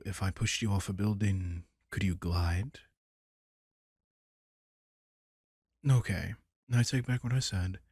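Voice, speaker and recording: In an intimate comfort roleplay audio drama, a man fully voices a caring, wry vampire king, speaking casually and softly with playful, dry teasing. His voice is low and slightly rough, with no echo.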